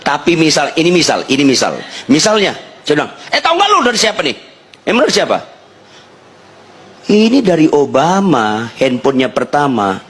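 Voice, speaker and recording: A male pastor preaching a sermon, telling stories with humor and acting out the dialogue in his stories. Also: slightly rough. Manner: animated storytelling, acts out dialogue with big pitch swings, humorous.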